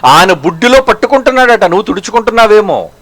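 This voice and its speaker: A man preaching a sermon as a pastor, firing rhetorical questions at the listeners. He slows down for emphasis and swings between loud and hushed. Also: high-pitched, very animated.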